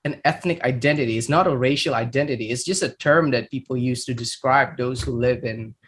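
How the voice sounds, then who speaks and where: A man's voice: medium pitch, a little fast, a bit bright. A man in his thirties from Indonesia, with an Indonesian accent, telling his life story as a podcast guest. He talks reflectively, with many fillers and repeated words. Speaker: startup founder guest. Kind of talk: podcast interview, personal story.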